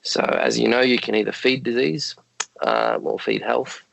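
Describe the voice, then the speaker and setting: A man with a croaky voice, giving measured, explanatory answers as a podcast guest. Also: mid-range voice, big pitch swings, fairly bright tone, dry recording, rough recording. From Australia. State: croaky voice, late at night. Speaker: guest, dog health advocate.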